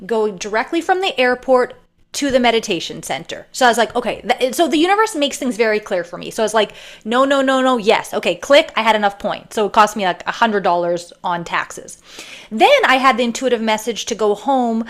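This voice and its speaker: Woman, from Canada, podcast guest, chatty storytelling, rambling with fillers, higher voice. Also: animated, brisk, fairly bright tone. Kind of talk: casual storytelling interview.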